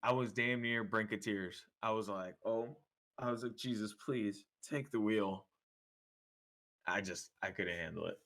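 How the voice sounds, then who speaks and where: A young man with a fairly low voice co-hosts a casual podcast. He tells laid-back stories, loaded with slang and quick impressions of the people in them. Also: sharp tone. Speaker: podcast co-host. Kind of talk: casual chat.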